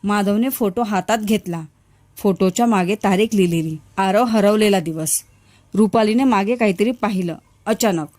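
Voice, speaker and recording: A woman storyteller narrating a suspenseful family ghost story in a measured, dramatic way. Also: medium pitch, darkish tone.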